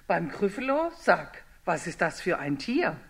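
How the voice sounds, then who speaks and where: A greedy male fox from a storybook, pushing his invitation loud and sweet, as an older woman reads aloud. The sly tone stays even when he backs off in fright. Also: on the low side, a little slow, breathy edge, heavily acted. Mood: coaxing, alarmed.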